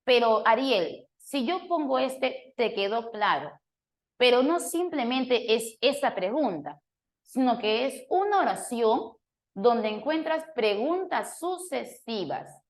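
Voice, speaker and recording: Leading a review session, a language teacher from Peru speaks slowly but with animation, her voice slightly high. She patiently covers every point and frequently stops to call on students by name with questions.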